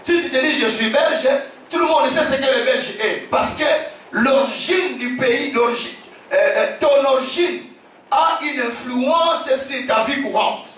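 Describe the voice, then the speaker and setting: A man from Africa, a bishop preaching a sermon, emphatic, repeating his phrases and shouting key lines. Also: extremely high pitch, unhurried. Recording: very echoey hall, distant from the mic.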